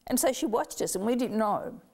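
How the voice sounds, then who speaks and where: Woman guest, from Yugoslavia, gravelly and dark-toned, animated storytelling. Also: a little high, fairly quick. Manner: animated storyteller, acts out voices in quotes. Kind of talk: storytelling interview.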